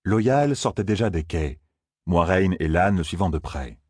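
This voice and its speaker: A man narrating a fantasy audiobook in a steady, even storytelling manner. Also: deep voice, normal speed, husky, dry recording, clean studio sound.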